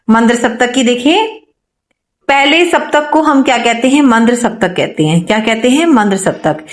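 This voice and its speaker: A woman's voice: fairly high pitch, reverberant. A woman music teacher explaining a lesson, asking questions and answering them herself. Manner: asks questions and answers them herself, repeats key points. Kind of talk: classroom-style lesson explanation.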